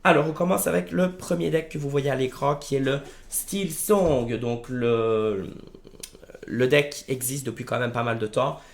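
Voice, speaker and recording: A man with a hoarse, gravelly voice talks casually to his viewers. He sounds worn and strained in the throat, with plenty of creak, as he presents game strategy in an informal, familiar way. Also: mid-range voice, steady tone, a little slow. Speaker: video creator presenting card game decks. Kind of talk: casual gaming video commentary.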